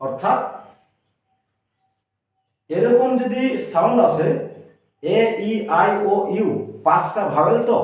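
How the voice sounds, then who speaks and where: A man's voice: high voice, expressive, slow, long pauses. A man with an Assamese accent teaching a grammar lesson, explaining step by step and often checking with the class through questions. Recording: echoey room, voice from far off.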